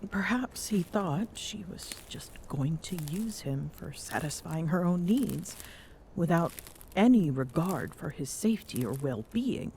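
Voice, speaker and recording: A woman plays a tender, wistful but guarded Amazonian queen for an intimate ASMR roleplay, her soft, thoughtful speech frequently close to a breathy whisper. Fairly low-pitched, she is animated yet unhurried, with a faint hiss or hum, sounding fond and amused.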